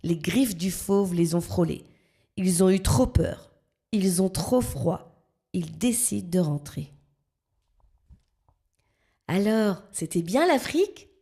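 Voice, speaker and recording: A woman narrating a children's story in a calm, even storytelling manner. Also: fairly low pitch, slow pace, husky.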